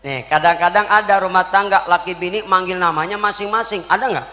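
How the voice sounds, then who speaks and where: A man's voice: sits high, fairly quick, pushed and bright, big-room sound. A man preaching a humorous sermon at a mosque gathering, joking and asking the audience questions.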